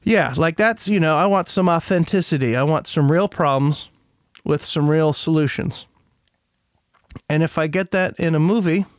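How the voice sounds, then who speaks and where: A man's voice: on the high side, clean tone, dry recording, studio quality. A man hosting a podcast, talking in a rambling, profane, opinionated way. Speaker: podcast host. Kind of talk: casual monologue.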